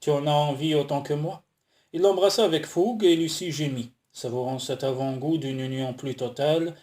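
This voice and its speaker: A man narrating a romance audiobook in a measured, flowing manner. His voice sits a little higher than most men's. He tells the story steadily and smoothly. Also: a little mellow. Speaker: audiobook reader.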